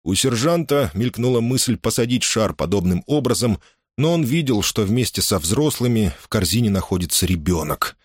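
A man with a low, lively voice narrating a dramatic audiobook. His storytelling is measured and expressive. The sound is dry and close. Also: no echo.

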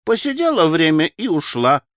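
A man voicing a flustered, chattering old servant woman in a high, shrill falsetto for an audiobook. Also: very animated, normal speed, fairly bright tone, no echo, studio quality. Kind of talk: audiobook character voice.

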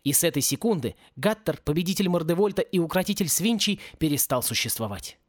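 Male audiobook narrator, higher voice, expressive ironic read, dry booth. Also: brisk, no echo. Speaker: audiobook reader.

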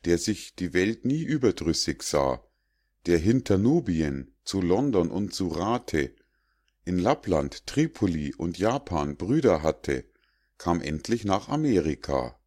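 A man narrating an audiobook of rhymed fables in a measured, deliberate way. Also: low voice, a little mellow. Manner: measured, deliberate verse reading.

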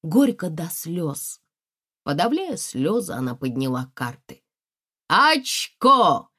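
A woman's voice: low voice, very animated, unhurried, warm tone, breathy edge. A woman reading a novel aloud as a narrator, telling the story expressively. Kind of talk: audiobook reading.

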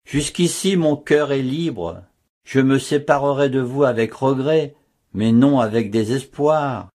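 A man reading the lines of a grave, measured monk prior in an audiobook. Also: mid-range voice, darkish tone, close to an everyday voice. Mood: earnest. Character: grave male monk prior, torn and firm.

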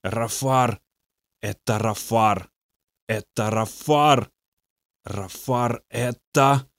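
A man voicing a boastful male demon speaking through a possessed youth, in a slow, low, gloating way. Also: no echo, studio quality. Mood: frenzied.

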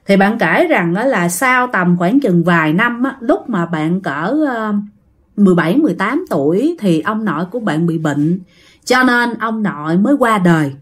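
A woman tells ghost stories in a chatty, conversational way, often turning to speak straight to her listeners. Her voice sits a little high and moves up and down with lively swings. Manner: chatty, addresses listeners directly. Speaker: storyteller. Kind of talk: ghost story narration.

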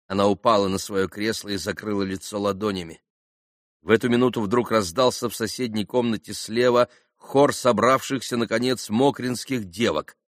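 A man reading an audiobook as narrator, in an expressive, measured way. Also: lowish voice, dry recording, clean studio sound. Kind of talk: scripted narration.

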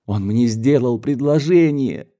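A man voicing an excited young woman who gushes breathlessly about being newly engaged. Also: medium pitch, a little slow, lightly acted. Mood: elated. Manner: gushing, breathless with joy.

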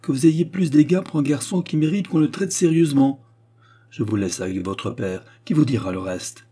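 A man's voice: sits low, normal speed, warm tone, breathy edge. A male audiobook reader voicing a scheming middle-aged mother with an insinuating, insistent manner. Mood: stern. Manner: insinuating, then stern. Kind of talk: audiobook character reading.

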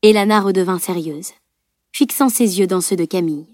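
A woman reading a fantasy novel aloud as an audiobook narrator, at a steady, measured pace. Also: fairly low pitch, no room sound, clean studio sound. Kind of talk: scripted narration.

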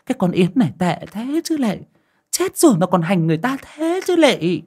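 Brief: flustered old village woman done by a male narrator, raised pitch, loud exclaiming. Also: sing-song, moderate pace, slightly rough, exaggerated voice. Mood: flustered fussing. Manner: fussy, exclaiming, stammering when scared. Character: flustered older village woman, fussing and fearful.

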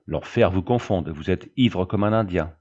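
A man reading the part of a calm, sardonic frontier lieutenant who answers curtly and dryly. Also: sits low, moderate pace, slightly rough. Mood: cool. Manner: curt, calm, dry. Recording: dull lo-fi recording.

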